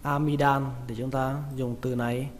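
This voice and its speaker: A man with a Vietnamese accent teaching English pronunciation, repeating each word slowly and stressing its syllables. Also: mid-range voice, little pitch movement. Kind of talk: pronunciation lesson. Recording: reverberant room with faint noise.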